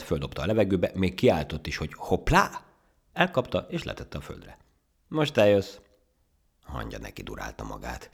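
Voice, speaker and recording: Deep, gravelly male storyteller. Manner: expressive storytelling. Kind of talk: reading a children's fable aloud.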